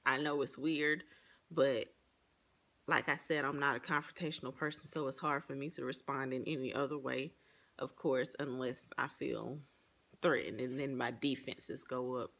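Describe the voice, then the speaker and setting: Partly working from notes, this woman offers an earnest, reflective talk about herself. Her voice is extremely low, gravelly, and full of fry, a bit bright, with fairly even intonation at normal speed.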